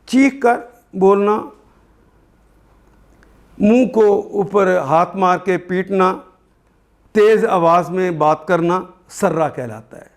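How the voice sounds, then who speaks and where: An older man with a Pakistani Urdu accent teaches a Quran translation lesson in a high voice. He explains each word slowly and repeats the terms.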